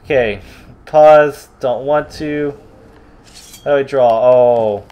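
A young man casually commentating a video game with a friend, joking and swearing, with sudden excited outbursts. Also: medium pitch, takes it slowly, clean tone, lo-fi sound. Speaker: let's play gamer.

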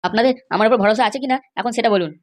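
A woman's voice: fairly high pitch, very fast. A woman voicing a scheming, glib male fixer in a cartoon, boastful and reassuring. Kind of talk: cartoon voice acting.

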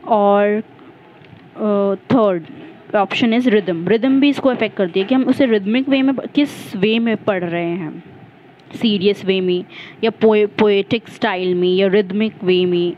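A woman's voice: medium pitch, slow pace, muffled recording, slight background noise. A woman teacher walking through exam questions, explaining each term step by step and stopping to correct her own slips. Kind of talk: exam-prep lesson.

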